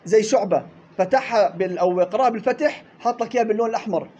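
A man teaching a tajweed lesson in a classroom, listing reading variants briskly and drawing out the recited words slowly. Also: high-pitched, mellow, lo-fi sound.

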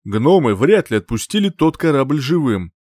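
A man reading an audiobook, voicing a calm, confident young nobleman who explains things in a matter-of-fact way. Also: mid-range voice, normal speed, dry recording, studio quality.

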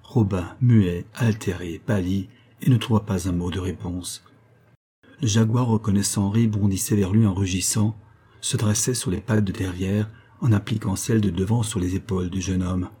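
A male audiobook narrator reads a classic novel in a measured, even way. His voice is low and dark in tone, with a husky grain.

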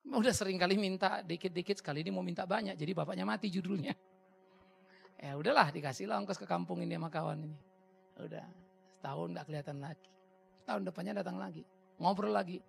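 A blunt male pastor answering a question from the congregation in an animated sermon, jumping high when he quotes others. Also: fast talker, vocal fry, pauses often.

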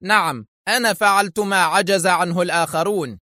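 Brief: high, bright, snarling crime boss and spy, as a male narrator puts him on, menacing and quick to shout. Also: no room sound, clean studio sound. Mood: tense. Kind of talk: audiobook character voice.

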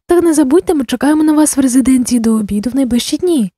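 A gushing middle-aged bishop's wife, as a woman narrator puts her on, all effusive small talk. The voice sits high and mellow with a breathy edge. Recorded close and dry like a storybook reading. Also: rapid-fire, no room sound. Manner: effusive, sociable.

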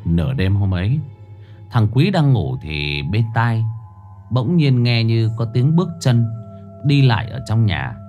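A man narrating a ghost story in a dramatic, expressive way. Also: medium pitch, a little slow, muffled recording. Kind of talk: scripted horror story narration. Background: faint music.

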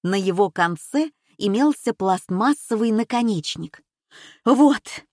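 A woman narrating an audiobook in an even, unhurried storytelling manner. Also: medium pitch, dry recording, clean studio sound.

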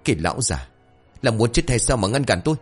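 A man's voice: medium pitch, big pitch swings, fast, slightly rough, faint music behind. Man voicing a furious grieving father. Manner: angry, threatening, bitter. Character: grieving rich father, hot-tempered, middle-aged man.

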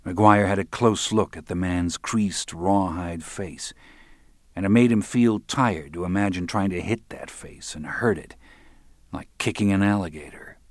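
Man, audiobook narration, understated, low pitch, dry studio sound. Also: measured pace, no echo. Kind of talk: scripted narration.

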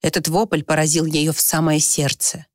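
A woman narrating an audiobook in an expressive reading style, lifting her voice in the tense moments. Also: normal speed, no room sound, studio quality. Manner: expressive reading, rising pitch for the anxious heroine. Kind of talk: scripted narration.

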